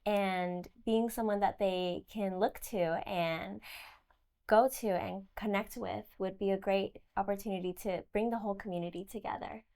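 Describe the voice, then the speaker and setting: Young female pageant candidate, medium pitch with noticeable vocal fry, earnest and grateful. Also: fairly even intonation, moderate pace, a little mellow. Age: young adult. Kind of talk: interview answers.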